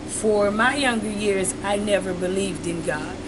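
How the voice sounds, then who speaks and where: An earnest woman from Haiti, speaking with a Haitian accent, tells her viewers a personal story and keeps calling them "you all." Her voice sits in a middle pitch range. The recording has loud background noise, with an air conditioner humming throughout. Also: a little slow. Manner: switches between English and Haitian Creole. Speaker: vlogger. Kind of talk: personal testimony to camera.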